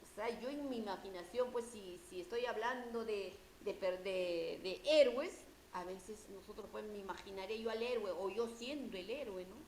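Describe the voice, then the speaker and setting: A woman's voice: mid-range voice, moderate pace, few pauses, a little mellow. A woman teacher giving a lecture, explaining patiently and checking in with rhetorical questions. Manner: explanatory, asks rhetorical "¿no?" often. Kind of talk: university-level lecture. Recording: echoey room with faint hiss.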